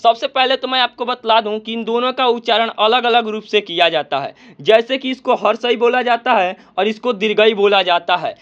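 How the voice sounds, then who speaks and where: Slow, repetitive high-voiced male teacher. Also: a bit bright, highs cut off. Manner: explains slowly, repeats questions to viewers. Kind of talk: spoken classroom lesson.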